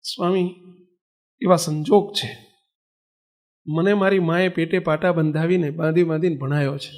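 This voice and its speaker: A man's voice: fairly high pitch, steady tone, moderate pace, a little mellow, lightly acted. A man voicing a poor young male college student who pleads earnestly through tears, quoted within a sermon story. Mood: pleading.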